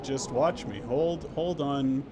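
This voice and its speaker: Here a man speaks at medium pitch and an unhurried pace while running a laid-back gaming stream. He chats teasingly with viewers, often breaking off mid-thought, and there's obvious background noise throughout.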